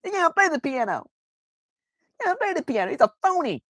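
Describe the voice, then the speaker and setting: Man putting on a high shouting accuser, jeering, accusing, dry close sound. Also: big pitch swings, fairly quick, dry recording, exaggerated voice. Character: shrill jeering man exposing a phony.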